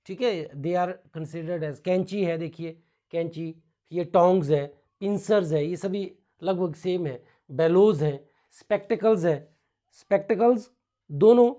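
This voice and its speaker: In a classroom, a man with an Indian accent teaches English grammar, explaining slowly in a mix of Hindi and English and spelling out words. His voice sits high and sounds mellow, with the highs cut off.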